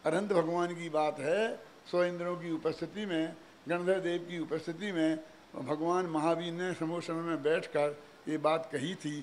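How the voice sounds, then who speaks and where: An older man giving a religious discourse, animated, full of rhetorical questions and chuckling asides. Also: a little high, unhurried, a little hiss or hum. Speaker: preacher.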